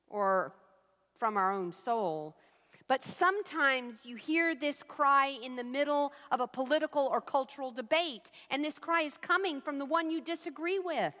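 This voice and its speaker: A woman pastor preaching a sermon, telling a personal story in a slow, reflective way with soft emphatic pauses. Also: high voice, lively intonation, in a large hall.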